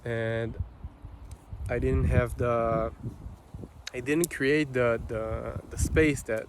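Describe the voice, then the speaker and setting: A male vlogger with an Israeli accent, a native Hebrew speaker, delivers an unscripted personal monologue over noticeable background noise. His medium-pitched, steady voice is unhurried, halting and reflective, with long gaps.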